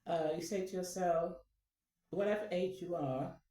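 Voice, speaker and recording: With a fairly low, dark voice at a moderate pace, a woman hosting her channel talks loosely to her audience, stumbling through fillers and restarts. The recording is distant and the room echoes.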